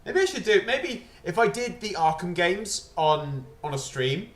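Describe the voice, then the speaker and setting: Very animated and a little slow, a high-voiced streamer chats playfully at his desk mic during a gaming livestream, joking between game choices. His casual commentary carries a roomy echo.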